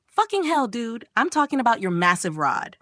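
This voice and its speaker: A woman's voice: a little high, sing-song, normal speed, bright, forceful tone, no room sound, studio quality, pitched above the performer's own voice, heavily acted. Woman doing a smug crude teasing girl. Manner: mocking, crude.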